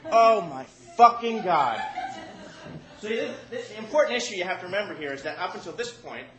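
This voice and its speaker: A man's voice: sits high, expressive, very fast, a bit bright, reverberant, poor audio. A man telling a comic story to a live audience, profane and self-mocking, often laughing while he talks.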